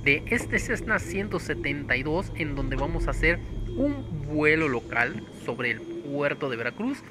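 Pilot on a cockpit headset. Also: male voice, on the high side, very animated, over music. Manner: formal, measured cabin-announcement delivery. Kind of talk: in-flight captain announcement and flight instruction. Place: small plane cockpit. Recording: loud engine drone in cockpit.

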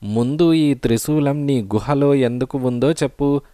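Young male hero, calm, defiant, steady-voiced, read by a male narrator. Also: mid-range voice, unhurried, no room sound, clean studio sound, lightly acted.

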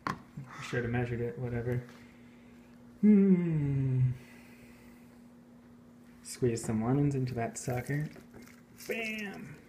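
Offhand deadpan man cooking at home. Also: medium pitch, slow, pauses often, a little hiss or hum. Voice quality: offhand, self-mocking deadpan. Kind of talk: casual deadpan cooking vlog. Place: home kitchen, indoors. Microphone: phone camera held at arm's length.

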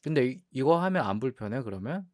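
A man playing a playful, defensive young boyfriend in a role-play ASMR audio drama, talking haltingly and repeating his words as he protests. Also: mid-range voice, very animated, no room sound, studio quality, close to an everyday voice. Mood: curious, hesitant.

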